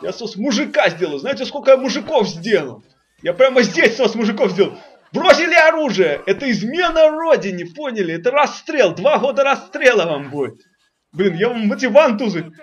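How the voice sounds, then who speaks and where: A man's voice: very high voice, big pitch swings, normal speed, highs cut off. A man voicing a bullying, foul-mouthed army drill sergeant who barks commands and insults in a comic parody dub. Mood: barking, bullying.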